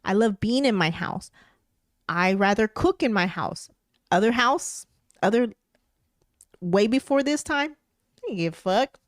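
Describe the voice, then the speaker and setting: A woman co-hosting a podcast, telling a story in casual chat, animated and swearing as she vents her exasperation. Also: mid-range voice, unhurried, pauses often, no room sound, clean studio sound. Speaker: podcast co-host.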